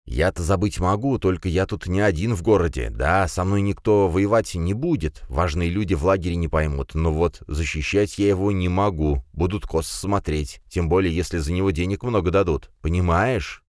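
A man voicing a cunning middle-aged crime boss who talks calmly and mockingly, in an audiobook. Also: low-pitched, normal speed, hardly any pauses, dry recording, clean studio sound, close to an everyday voice. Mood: sly. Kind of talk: audiobook character voice.

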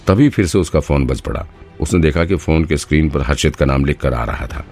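A man with an exceptionally deep, low voice reads a detective audiobook, steady and measured. Soft music plays faintly beneath his narration. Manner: steady storytelling.

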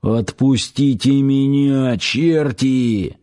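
A drunk middle-aged hunter drags out every word in a slow, slurred rant, as a male narrator acts him out. The voice is heavy and sluggish, spilling between paranoid shouting and sullen mumbling. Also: medium pitch.

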